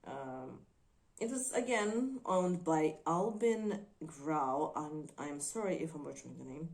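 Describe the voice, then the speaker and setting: A woman talks through a movie review in unscripted commentary. Her voice sits low and she takes her time, weighing her words and pausing often between thoughts. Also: animated, vocal fry, a little mellow. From Croatia. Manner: thoughtful, hesitant, frequent filler pauses.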